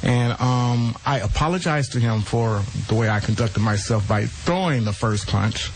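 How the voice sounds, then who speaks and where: A man's voice: medium pitch, normal speed, a little hiss or hum, low-quality recording. A man in his fifties answering radio interview questions hesitantly and apologetically, often repeating words. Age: 50s. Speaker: interview guest.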